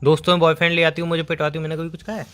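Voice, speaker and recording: Fast-talking young man, mock-serious teasing. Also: a little high, flat delivery, a bit bright. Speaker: vlogger pranking his girlfriend by phone. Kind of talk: casual prank phone call.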